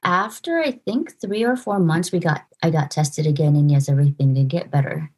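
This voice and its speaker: Low, mellow-voiced woman from the Philippines. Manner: earnest, halting with fillers and restarts. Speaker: podcast guest, nurse practitioner. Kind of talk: casual interview conversation.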